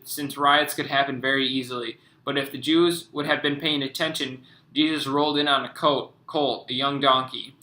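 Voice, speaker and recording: A young man reads his class presentation aloud in a flat, even voice with a bright, forceful edge. He stumbles and restarts over words. The sound carries a roomy echo. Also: mid-range voice.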